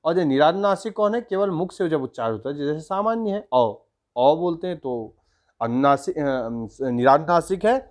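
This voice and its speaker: Male school teacher, Uttarakhand Hindi accent, slightly high voice, patient step-by-step explainer who chants examples. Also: expressive, normal speed. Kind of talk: grammar lesson for school students.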